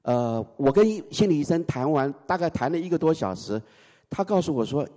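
Mellow-voiced man testifying in a hall. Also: fairly high pitch, fairly quick. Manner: animated storytelling, hesitant fillers. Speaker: church member giving testimony. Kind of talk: spoken testimony.

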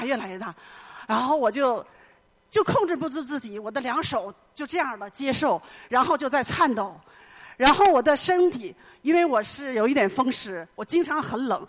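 A middle-aged woman giving an emotional personal testimony in church, telling her story earnestly and with much repetition. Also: high-pitched. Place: church hall.

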